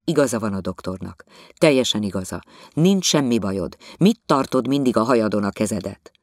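A curt, impatient husband who is fed up and snaps loudly, as a man reading the story voices him. His delivery is lively and full of irritation. The recording is close and dry. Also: fairly low pitch, no echo. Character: weary, gruff, impatient middle-aged husband. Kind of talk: audiobook character voice.

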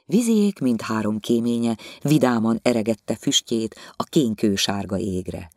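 A man reading a literary novel aloud as an audiobook narrator, in measured, expressive storytelling. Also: on the low side, no room sound, studio quality.

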